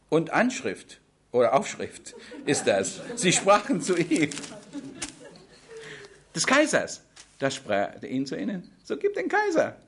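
A man preaching a sermon, speaking to his congregation and asking them frequent rhetorical questions. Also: a little high.

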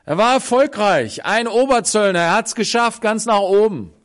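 A man preaching a sermon, telling stories dramatically with sudden swings between loud and soft and acting out the voices of the people in them. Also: high-pitched, animated, normal speed. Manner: acts out the voices of people in the story.

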